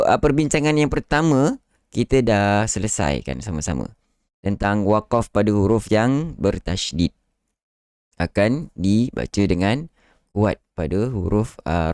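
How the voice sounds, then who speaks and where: A man hosting a live online lesson on Quran recitation explains with frequent "ah" fillers and demonstrates how words are stressed. His voice is on the low side, darkish, clear and resonant, captured in a dry, clean studio recording.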